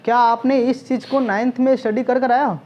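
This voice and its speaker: A man's voice: extremely high pitch, little pitch movement, a little fast, a little mellow, dull audio. A male physics coaching teacher lecturing a class in a chatty, teasing manner, constantly checking whether students follow. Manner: teasing, chatty, peppers speech with "sir" and check questions.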